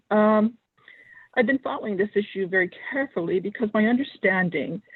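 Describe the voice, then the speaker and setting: Phone caller, woman, public comment; earnest and measured, slightly husky, heard over a thin, dry phone line. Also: medium pitch, no room sound. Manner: earnest, measured, pausing often to find words. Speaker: public commenter calling in to a school board meeting.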